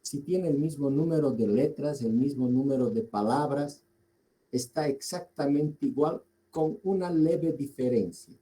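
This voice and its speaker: A male teacher with a Bolivian Spanish accent giving a deliberate lecture, repeating key words and putting questions to his students. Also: medium pitch, dark tone, poor audio. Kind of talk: slow classroom lecture.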